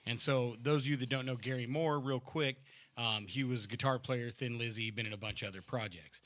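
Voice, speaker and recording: A man's voice: mid-range voice, a little fast, fairly bright tone. A man hosting a casual podcast in a home-built studio, chatting loosely with laughs and fillers and reading a fan letter aloud. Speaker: podcast host and band member. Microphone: studio mic with headphones.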